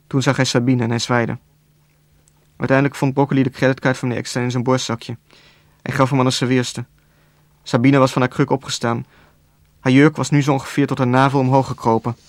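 Male audiobook narrator, steady flat read, dry close mic. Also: medium pitch, fairly quick, pauses often, no room sound. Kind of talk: scripted narration.

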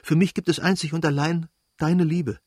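A man's voice: on the high side, steady tone, normal speed, husky, no room sound, clean studio sound, voice pushed up. A man voicing an anguished noblewoman torn between her lover and her son, speaking in a trembling, pleading way as he reads the story aloud. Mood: passionate.

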